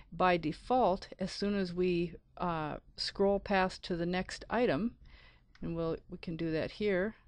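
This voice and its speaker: A woman narrating a screencast software tutorial as an IT support instructor, explaining methodically step by step. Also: on the low side, no echo. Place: close, dry voice-over for a screen recording.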